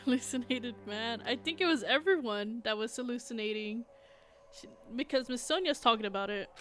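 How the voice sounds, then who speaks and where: A young woman streaming a video game, reacting excitedly, swearing and reading game text aloud. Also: on the high side, normal speed, slight background noise. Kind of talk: casual gaming commentary. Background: game music.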